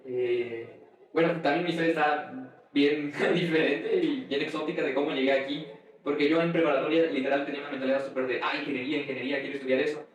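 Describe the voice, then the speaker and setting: A young man from Uruapan, a guest student talking in a relaxed, casual way. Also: fairly high pitch, quick pace, heavy reverb, far from the mic, low-quality recording. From Uruapan, Mexico. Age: young adult. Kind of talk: casual conversation.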